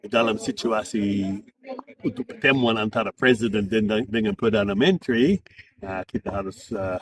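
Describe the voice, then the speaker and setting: A middle-aged man, an English speaker, speaks Indonesian as a foreigner in a casual interview, halting as he searches for words. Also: lowish voice, animated. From Australia. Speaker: interview guest, former diplomat and interpreter. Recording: distant mic amid clear crowd chatter.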